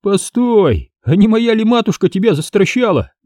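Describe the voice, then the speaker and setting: A man's voice: high-pitched, sing-song, moderate pace, a little mellow, no echo, studio quality, pitched above the performer's own voice. A man doing a cocky young lieutenant. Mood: teasing. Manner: teasing.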